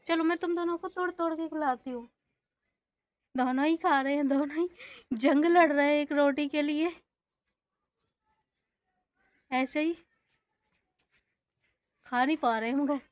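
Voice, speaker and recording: A young woman talks in a casual vlog, her voice high and bright. The sound is dry and close, with no room echo. She speaks playfully and coaxingly, as if feeding animals outdoors in a village. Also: measured pace, long pauses. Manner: playful, coaxing talk to calves, laughs often. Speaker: village vlogger. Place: outdoors at a village cattle shed.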